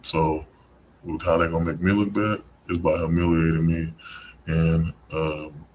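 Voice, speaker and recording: Speaking in a rumbling low voice that barely moves in pitch, the man hosts a live-streamed podcast at a slightly slow, slightly mellow pace. His monologue rambles conversationally with frequent "you know" asides, and there's a touch of hiss or hum.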